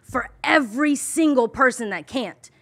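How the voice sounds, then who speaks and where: A woman in her thirties from Iran, a brash, animated podcast guest who swears freely, on a studio mic with headphones. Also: high voice, moderate pace. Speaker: guest, cannabis roller and marketer. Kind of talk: casual podcast interview.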